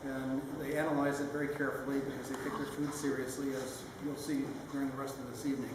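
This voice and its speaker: An older man giving a sentimental, lightly humorous father of the bride speech, halting with pauses mid-phrase. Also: medium pitch, level tone. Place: large reverberant room at a wedding reception. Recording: echoey hall, distant mic, noisy room.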